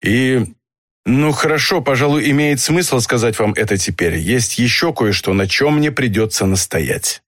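A man reading an audiobook, voicing a stern, measured police inspector. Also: mid-range voice, animated, a bit bright, dry recording, clean studio sound. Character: middle-aged male police inspector, stern.

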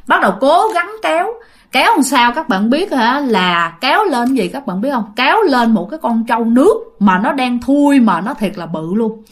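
A woman with a Southern Vietnamese accent narrates a ghost story in loose, conversational storytelling. Her voice sits somewhat high and moves in wide, lively swings. She keeps turning to her listeners and often lowers herself to a hushed murmur. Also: normal speed. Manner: chatty, addresses listeners directly, often drops to a hushed murmur. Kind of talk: casual spoken storytelling.

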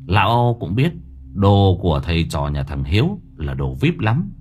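A man narrating a horror story in a dramatic, expressive way. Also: sits low, a little slow, a little hiss or hum. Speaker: audiobook narrator.

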